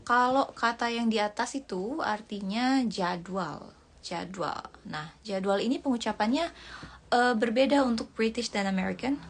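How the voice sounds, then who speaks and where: On a casual phone livestream, a woman with a slightly high voice teaches English words at an unhurried pace, repeating each one and explaining it. Her voice is dry and cracking, with faint background noise.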